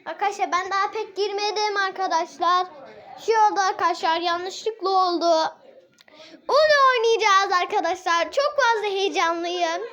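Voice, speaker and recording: Very high-pitched excitable young woman gamer. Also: normal speed. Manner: excitable, constantly addresses viewers, dramatic complaints. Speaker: gaming channel host. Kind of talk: casual game commentary.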